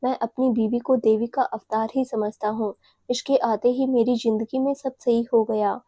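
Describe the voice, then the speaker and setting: Woman narrator doing a teasing young fiancé for an audio story, soft warm delivery, dry sound. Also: a little high, fairly even intonation, moderate pace, slightly rough, dry recording. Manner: teasing, affectionate. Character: young man, playful loving fiancé.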